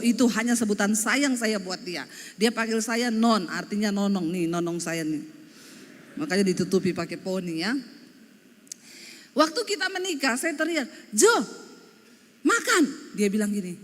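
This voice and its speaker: A middle-aged woman pastor from Sulawesi with a Sulawesi accent, preaching a lively, humorous sermon that slips into Javanese phrases. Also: medium pitch, in a large hall. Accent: Sulawesi Indonesian.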